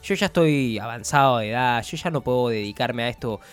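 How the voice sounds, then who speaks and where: A man's voice: medium pitch, animated, brisk, clear, resonant tone, close to an everyday voice. A man playing a grumpy, foul-mouthed older doctor who rambles, stammers and throws out insults. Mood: grumbling. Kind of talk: comedic character interview.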